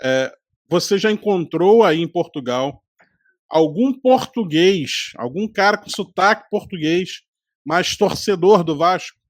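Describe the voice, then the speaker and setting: High-voiced male podcast host. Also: animated, a little slow, dry recording, clean studio sound. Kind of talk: casual chat.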